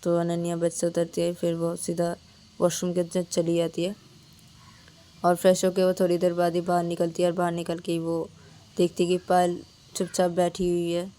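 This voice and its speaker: A woman's voice: on the low side, monotone, moderate pace, warm tone. A woman narrating a romantic story casually, linking each scene with plain, repeated phrases.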